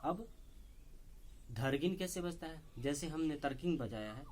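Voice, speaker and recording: A man teaching tabla step by step, explaining slowly and patiently and saying the drum syllables aloud between strokes. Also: a little high, lively intonation, noisy background. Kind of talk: step-by-step music lesson. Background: loud tabla playing.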